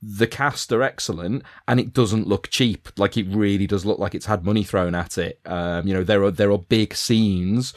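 A man from Britain chatting casually on a podcast, his voice sitting low. He rambles and restarts often, and the recording is dry and close. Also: moderate pace, few pauses, no echo. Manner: rambling, full of fillers and restarts. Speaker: podcast host. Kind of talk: casual chat.

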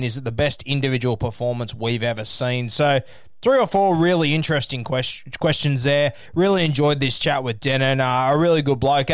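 An Australian man hosting a podcast in casual talk, with a monotone delivery. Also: medium pitch, no echo, clean studio sound. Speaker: podcast host.

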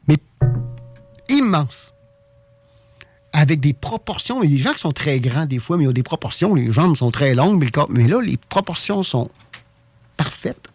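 A man with a Québécois French accent tells a personal story in a casual, animated way, stumbling over and repeating his words. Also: a little high, slightly rough, no echo. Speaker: guest telling an experience.

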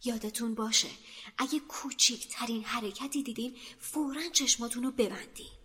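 A woman's voice: on the high side, fairly bright tone. A woman voicing a brave young boy wizard, speaking in a tense, urgent voice in an audiobook reading. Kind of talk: audiobook character voice.

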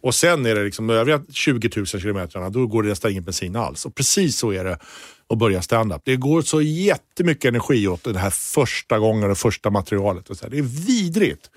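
A man co-hosting a casual podcast, a stand-up comedian telling stories animatedly, his voice jumping up high when excited. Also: no room sound, studio quality.

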